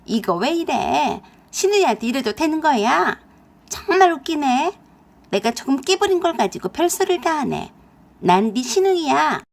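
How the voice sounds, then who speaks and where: A brazen young woman played by a female narrator taunts in a raised, shrill voice. Her delivery swings wide and high with a husky edge. She is the scheming ex-girlfriend in a spoken drama. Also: big pitch swings, measured pace, heavily acted. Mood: mocking.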